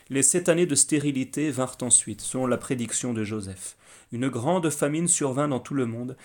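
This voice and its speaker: A man reading a Bible story aloud as scripted narration, in a measured way with small slips. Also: mid-range voice, darkish tone. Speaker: Bible reader.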